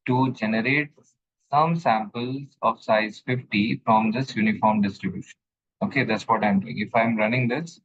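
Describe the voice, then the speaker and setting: A man's voice: medium pitch, muffled recording. A male instructor explaining statistics step by step in a screen-share lesson recording, often checking that his student follows.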